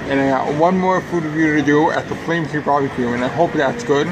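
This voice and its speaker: Between mouthfuls, a thirties-aged man enthusiastically and casually reviews food on camera at a table outside in a theme park. He sounds a little high-pitched and a touch fast, keeping his intonation fairly even. Background hum and outdoor noise fill the recording.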